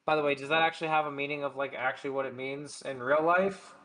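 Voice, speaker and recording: A man chatting casually as a tabletop game player, emphatic and quick to swear. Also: medium pitch, fairly even intonation, pushed and bright. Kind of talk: casual chat.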